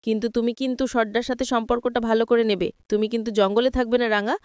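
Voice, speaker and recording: A woman's voice: a little high, steady tone, fast talker, darkish tone, smooth, no room sound, clean studio sound, close to an everyday voice. A woman voicing a heartfelt, emotional young bride in a storybook retelling of a TV serial.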